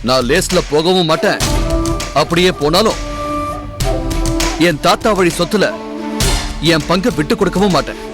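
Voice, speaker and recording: A man's voice: high voice, moderate pace, long pauses, music in the background, close to an everyday voice. An actor playing a defiant, sarcastic son who stands up to his family in a TV serial. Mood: mocking. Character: defiant proud adult son. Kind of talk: TV serial acting.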